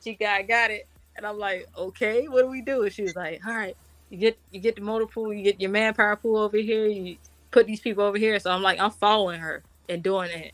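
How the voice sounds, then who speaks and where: The speaker is a woman serving as a military officer who, in an interview, tells animated personal war stories conversationally. She uses slang, stays informal and acts out the exchanges. Her voice is medium in pitch, with no echo.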